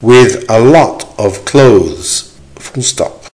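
A man reading an English-lesson dictation aloud in short, deliberate, carefully measured phrases, repeating them and speaking the punctuation. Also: medium pitch, lively intonation, a little mellow. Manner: deliberate, measured enunciation with pauses. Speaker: language teacher reading dictation.

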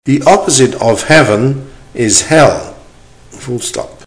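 A man reading a dictation exercise as a teacher, in short, measured, deliberate phrases with punctuation spoken aloud. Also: mid-range voice, lively intonation. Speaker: language teacher giving dictation.

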